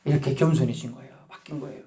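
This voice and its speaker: A man's voice: mid-range voice, rapid-fire, warm tone. A male pastor preaching a sermon in a church, acting out little scenes and laughing as he goes. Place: church sanctuary.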